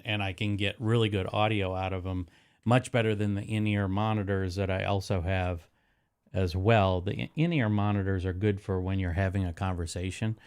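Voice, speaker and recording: A low-pitched man with a nasal voice, a live streaming tech host, walks through his studio's audio gear on a close dynamic broadcast mic. He's casual and rambling, often correcting himself and leaning on fillers and restarts.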